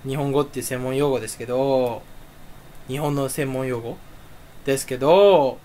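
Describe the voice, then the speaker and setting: A man chatting alone in a rambling, self-mocking way, with sudden jumps up in pitch. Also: moderate pace, mellow. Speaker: streamer. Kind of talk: casual solo chat.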